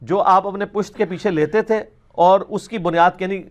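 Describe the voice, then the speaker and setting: Here a man with a high-sitting voice and a Pakistani Punjabi accent leads a relaxed religious question-and-answer talk, with the upper frequencies cut off in the audio. He explains with emphasis, uses colloquial speech, and confirms the listener understands.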